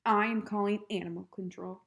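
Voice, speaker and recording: A woman voicing a bossy, stern older woman who is prim and easily outraged, speaking in loud, clipped commands for a storybook read-aloud. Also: mid-range voice, fairly even intonation, brisk, vocal fry, highs cut off, natural voice. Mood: indignant.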